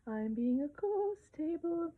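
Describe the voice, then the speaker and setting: A woman voicing a spooky talking side table in a slow, drawn-out ghostly voice. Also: high-pitched, sing-song, pitched above the performer's own voice, exaggerated voice. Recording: narrow phone-like sound.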